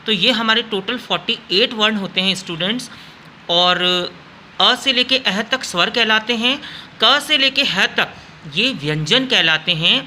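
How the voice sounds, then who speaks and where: A man's voice: high-pitched, bright, forceful tone, slight background noise. A male school teacher giving a classroom grammar lesson, speaking directly to his students, repeating points and drawing out sounds in his demonstrations.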